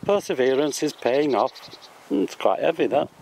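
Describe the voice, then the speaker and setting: A man's voice: mid-range voice, lively intonation, creaky, darkish tone, low-quality recording. A British man chatting casually while metal detecting, often chuckling at himself, recorded outdoors on a handheld camera. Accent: British English. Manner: chuckles often, unhurried and self-mocking. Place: outdoors on a windy building-site spoil heap. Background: wind noise.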